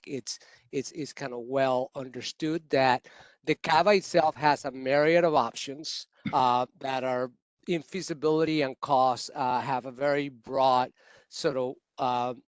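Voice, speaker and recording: Man explaining in measured technical terms. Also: mid-range voice, dry recording. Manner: measured, technical, frequent restarts. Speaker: utility climate adaptation lead. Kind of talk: virtual workshop remarks.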